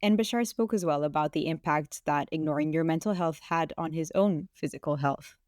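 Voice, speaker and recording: A woman co-hosting a reflective podcast. Her voice is smooth and resonant and sits a little low, and she speaks calmly, close to a dry mic. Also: brisk, no echo. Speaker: podcast co-host.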